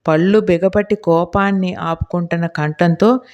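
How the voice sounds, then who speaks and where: A woman storyteller reading a family novel aloud in a steady, even narration. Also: lowish voice, normal speed, highs cut off. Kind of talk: audiobook narration.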